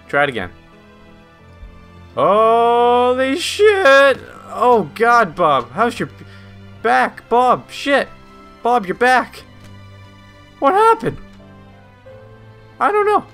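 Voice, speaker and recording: A young man giving casual, excitable game commentary, swearing a lot and talking to his character. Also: medium pitch. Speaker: gaming channel host.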